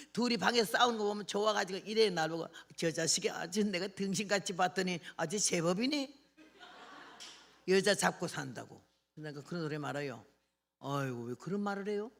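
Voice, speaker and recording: A woman's voice: on the low side, gravelly, fairly bright tone. An older woman preaching at a revival meeting, telling folksy anecdotes and acting out dialogue. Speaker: missionary preacher.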